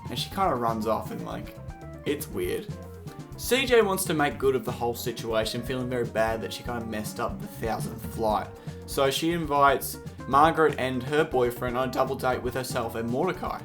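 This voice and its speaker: A man's voice: medium pitch, moderate pace, over music. A young man recapping a cartoon series as a comedic YouTube host, jokey with sarcastic asides.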